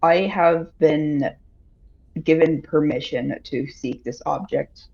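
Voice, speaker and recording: A man playing a tabletop role-playing game, talking casually in a halting, deliberate way. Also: a little high, gravelly, muffled recording.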